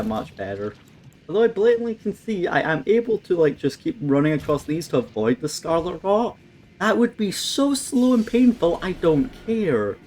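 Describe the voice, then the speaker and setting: A man's voice: a little high, a little mellow. Wry man commentating a game. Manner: wry, swears at the game, thinks aloud. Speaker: gameplay commentator. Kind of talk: casual let's-play commentary. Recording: faint background noise.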